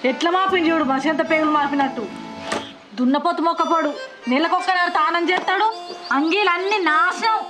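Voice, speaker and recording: Woman playing a shrill Telangana village wife, nagging, rapid, over loud music. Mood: grumbling. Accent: Telangana Telugu. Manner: scolding, loud complaining, earthy insults. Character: nagging village wife scolding her unwashed husband. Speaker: actress in a village comedy short film. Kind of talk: comic short-film acting.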